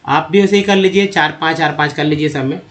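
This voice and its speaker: A man's voice: on the high side, fast, fairly bright tone. A man teaching English pronunciation in Hindi, stretching and repeating example words step by step while addressing viewers as friends. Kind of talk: Hindi-language pronunciation lesson.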